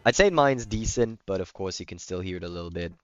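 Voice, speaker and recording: A native German speaker with a German accent livestreams a video game late at night, chatting casually and replying to stream comments in a clean voice through a close, slightly muffled mic. His voice sits low, animated and quick, with a clear, resonant tone. Faint music plays behind.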